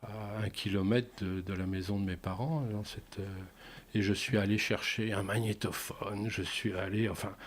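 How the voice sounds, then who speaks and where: A man with a fairly low voice recounts anecdotes as a radio guest. He speaks haltingly, filling his sentences with pauses and hesitations. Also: steady tone, slight background noise. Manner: hesitant, many pauses and fillers. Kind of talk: radio interview, telling anecdotes.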